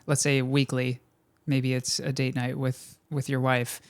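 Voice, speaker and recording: A man's voice: medium pitch, monotone, unhurried. A man hosting a podcast, asking questions and chatting casually with his guest. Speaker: podcast host, interviewer. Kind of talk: casual conversational interviewing.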